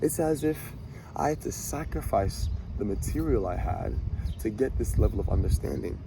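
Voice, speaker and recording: A man in his twenties giving an animated, preachy motivational monologue to camera, talking to himself and his viewers with swagger. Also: on the low side, normal speed, gravelly, noisy background. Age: 20s. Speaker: vlogger.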